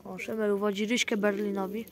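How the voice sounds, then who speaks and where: Against outdoor noise of cooing pigeons and a crowd in the background, a pigeon keeper chats to viewers by the loft in casual vlog narration. He rambles, with plenty of fillers and restarts, speaking briskly in a high voice with flat delivery.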